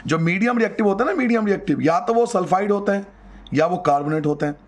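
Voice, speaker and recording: Lively, high-voiced teacher, man. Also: fast. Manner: lively, coaxing, repeats key terms, addresses students directly. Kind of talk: chemistry lesson for class 10 students.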